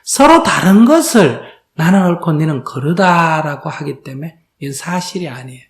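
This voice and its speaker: Animated monk posing rhetorical questions. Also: male voice, fairly high pitch, normal speed. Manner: rhetorical questions, acts out quoted dialogue. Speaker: Buddhist monk giving a dharma talk. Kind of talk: question-and-answer dharma talk. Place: lecture hall before an audience.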